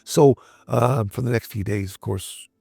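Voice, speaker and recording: A middle-aged man, a guest in an interview, recounting events in a measured way with frequent pauses and fillers. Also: mid-range voice, creaky, warm tone, slightly rough, dry recording. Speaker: interview guest, Navy veteran. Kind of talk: interview storytelling.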